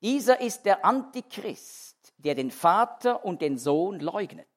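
A Bible teacher delivers an expository sermon verse by verse, explaining with emphasis and frequently starting his sentences over. His voice is high and sing-song, and he speaks slowly.

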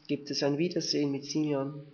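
A man's voice: on the high side, flat delivery, brisk, dark tone. A man reading a Bible passage aloud and commenting on it between verses, sometimes restarting his sentences. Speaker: preacher. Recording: dull lo-fi recording.

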